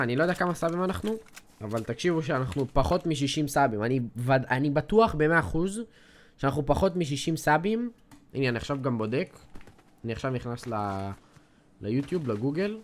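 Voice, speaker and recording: A man's voice: on the high side, slight background noise. An eighteen-year-old man from Israel streaming a game live, boasting and trash-talking to his chat in a hyped, slangy way. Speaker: gaming streamer.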